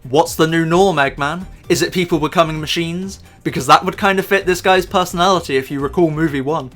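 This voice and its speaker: A man's voice: on the high side, brisk, a bit bright, faint music behind. A man ranting about a film in sarcastic, profane, exasperated commentary. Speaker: YouTube commentator.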